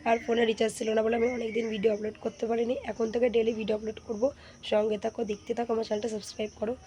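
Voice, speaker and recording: A young woman, hoarse from a sore throat, chatting to viewers in a casual home vlog. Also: fairly high pitch, level tone, rapid-fire, a little hiss or hum. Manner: chatty, addresses viewers warmly as friends. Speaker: vlogger. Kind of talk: casual daily-life vlog narration. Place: home kitchen and courtyard.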